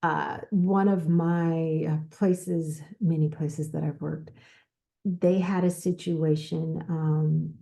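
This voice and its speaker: A woman with a deep, very dark voice talks slowly through advice on a podcast. She pauses often and repeats words as she gathers her thoughts. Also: fairly even intonation, creaky. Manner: slow, repetitive, with pauses and restarts. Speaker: podcast host. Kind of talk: casual advice talk.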